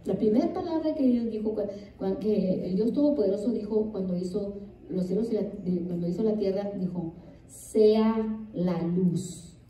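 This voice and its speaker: A woman's voice: mid-range voice, a little fast, warm tone. A woman pastor preaching a sermon. She reads scripture aloud, repeats it for emphasis and asks the congregation questions. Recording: echoey room, distant mic.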